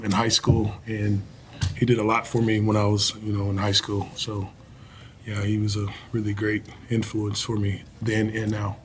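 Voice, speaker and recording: A man who coaches high school basketball, talking in a folksy, laid-back and joking way. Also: slight background noise. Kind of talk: casual interview.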